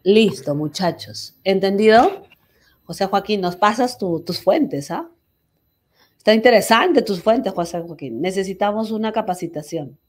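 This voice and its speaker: A middle-aged woman teaches an online language class, joking with her students. Her voice is husky and breathy. She speaks slowly and unhurriedly. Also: medium pitch, lively intonation, darkish tone. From Peru. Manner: teasing, chatty, addresses students as "hijo".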